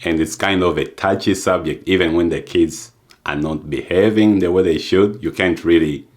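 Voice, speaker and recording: Very deep-voiced man from Uganda. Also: darkish tone. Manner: unhurried, many fillers and restarts. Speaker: adoptee sharing experience. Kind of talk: reflective testimony.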